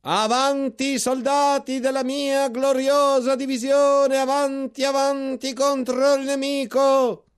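A man's voice: level tone, takes it slowly. A man voicing a harsh army general who bellows orders at his troops. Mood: commanding. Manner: shouting orders in a strained high voice.

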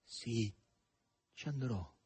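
A man's voice: medium pitch, very animated, a little fast, breathy edge, no room sound, voice pushed up. A man voicing a troubled, desperate grown woman in an audiobook reading, pleading and agitated. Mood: bitter.

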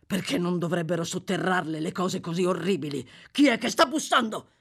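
A woman reading an audiobook voices a desperate, brutal male murderer on the run, growling low and breaking into furious shouts. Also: fairly even intonation, brisk, vocal fry, breathy edge. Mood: grim dread.

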